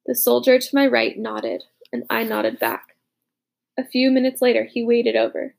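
A woman narrating a war story as a young soldier, with dramatic, hushed, urgent delivery in the dialogue. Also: fairly high pitch, very animated, moderate pace, vocal fry, exaggerated voice. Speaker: narrator voicing a boy soldier. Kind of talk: audiobook narration.

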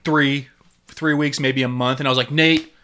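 A man's voice: mid-range voice, steady tone, moderate pace, bright, forceful tone. A man co-hosting a casual chat, telling rambling stories full of swearing, "like" and "dude". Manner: rambling storyteller, swears freely, lots of "like" and "dude".

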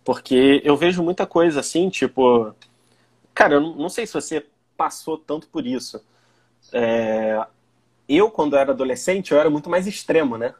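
A man's voice: fairly high pitch, moderate pace, darkish tone, husky. A young Brazilian man with a Brazilian Portuguese accent, chatting in a laid-back way, with lots of casual fillers. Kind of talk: casual conversation.

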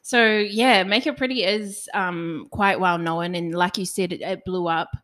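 Chatty excitable woman podcast host. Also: on the low side, a little slow. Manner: chatty and excitable, often says "oh my gosh". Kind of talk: casual podcast interview.

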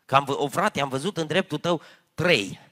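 A man preaching a sermon as a pastor at a youth conference. He swings between loud emphasis and quiet asides. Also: a little high, lively intonation. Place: church hall at a youth conference.

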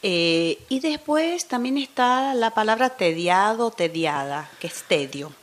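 A woman guest, a teacher, talking through an interview in a thoughtful way and often dropping into soft near-whispers. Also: medium pitch, animated, unhurried. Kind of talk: casual interview chat.

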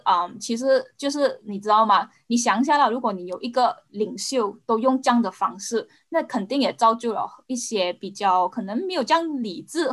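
Woman, podcast co-host, casual, English words mixed in, hesitant phrasing. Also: a little high. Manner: mixes English words into Mandarin. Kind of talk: casual discussion.

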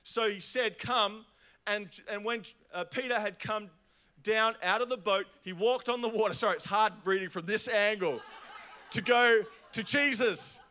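A young man preaching a lively youth sermon, getting the crowd to repeat words after him. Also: high voice, unhurried, smooth. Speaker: youth pastor.

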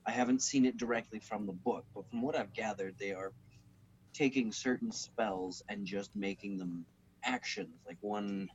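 A man hosting a casual podcast about tabletop games, talking in a relaxed, rambling way and correcting himself as he goes. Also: fairly low pitch, moderate pace, muffled recording, slight background noise. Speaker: podcast host.

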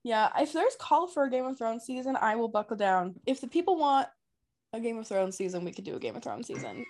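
Bubbly woman with a lively voice. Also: a little high, brisk, slight background noise. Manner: bubbly, gushing, playful. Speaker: podcast co-host. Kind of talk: casual chat.

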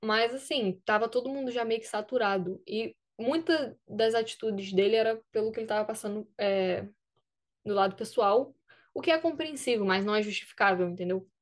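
Speaking fairly high and a touch quickly, this young student athlete from Brazil recounts a story during a relaxed interview, filling it with lively quoted lines.

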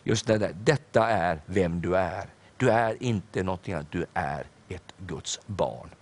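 Older man preaching, low voice. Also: animated. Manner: storytelling, earnest, with filler hesitations. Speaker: pastor. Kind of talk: sermon.

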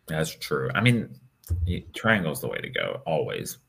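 Young male podcast co-host, extremely low voice, loose unscripted chat full of "like" and "you know". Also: huge pitch swings, moderate pace, creaky, a bit bright. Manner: rambling, lots of fillers and restarts. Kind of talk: casual chat.

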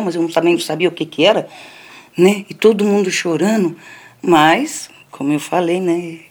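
A woman's voice: deep voice, darkish tone. An older woman telling a personal story in a conversational way, often adding little tag questions and speaking straight to her listeners. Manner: conversational, lots of "né" tags, addresses listeners. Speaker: storyteller recounting a childhood memory. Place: community center.

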